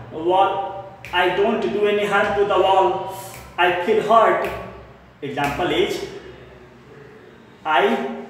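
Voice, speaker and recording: Indian male English teacher, bright forceful voice, repeats terms, very echoey room. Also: high-pitched. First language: Hindi. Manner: repeats terms, spells words aloud, explains in Hindi. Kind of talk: classroom grammar lesson. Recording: echoey room with long reverb, faint noise.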